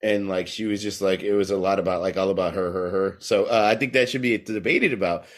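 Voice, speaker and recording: A man's voice: low-pitched, steady tone, fast. A young man co-hosting a podcast, talking casually and rambling, repeating words as he goes. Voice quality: gravelly, swearing freely. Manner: rambling, repeats words, laughs at recalled jokes. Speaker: podcast co-host. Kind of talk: casual chat.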